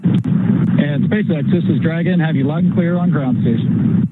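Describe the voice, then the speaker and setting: A man's voice: a little high, measured pace. A man speaking as an astronaut on the radio, giving clipped, procedural comm checks. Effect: radio transmission. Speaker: astronaut, spacecraft commander. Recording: tinny, very noisy radio link.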